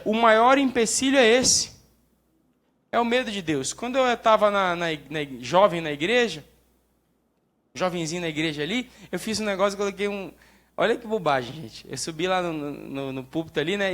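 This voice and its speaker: A young man with a Brazilian Portuguese accent giving a lively, joking sermon talk at church. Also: sits high. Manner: lively, jokes and acts out quoted prayers. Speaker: church speaker.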